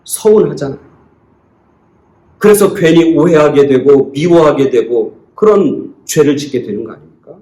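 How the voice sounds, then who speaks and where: A male pastor preaching in a church sanctuary, his voice sitting a little high for a man. He leans hard on his main points and turns soft and slow for scripture. The room carries a clear echo. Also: animated. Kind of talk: sermon.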